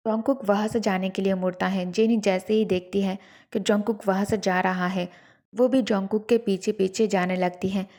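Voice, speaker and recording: Mellow-voiced woman narrating a story. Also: medium pitch, normal speed. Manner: lively dramatic storytelling.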